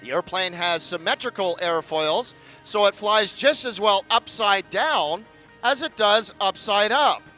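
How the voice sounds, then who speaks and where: Male airshow commentator, bright and high-voiced, showy announcer delivery over faint music. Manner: announcer-like, building showmanship with drawn-out phrases. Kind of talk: live airshow commentary to a crowd.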